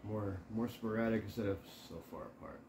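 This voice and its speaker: A man in his forties with a fairly low voice co-hosts a ghost-hunting video. He talks casually and puts short questions to spirits without hurry. The room is echoey, with loud noise around his voice. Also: a little fast, gravelly. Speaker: co-host of a paranormal investigation video. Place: living room at home, indoors. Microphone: camera a few feet away. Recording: roomy echo with loud noise. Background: loud noise from a spirit box session.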